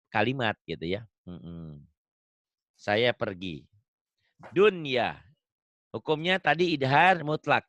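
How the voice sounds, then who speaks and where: A male Quran teacher, running a one-on-one tajwid lesson. His voice is bright and forward, and his pitch swings widely, jumping up high on each question. The sound is dry and close, with almost no room around him. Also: no room sound. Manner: patient, questioning, repeats points, animated rises on questions.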